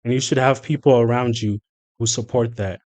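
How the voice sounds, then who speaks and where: A man guesting on a podcast, thinking out loud in a relaxed, earnest way. He pauses often with fillers before he settles on his point. His voice sits in an ordinary middle pitch. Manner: thoughtful, earnest, with frequent fillers and exclamations. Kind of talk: casual podcast conversation.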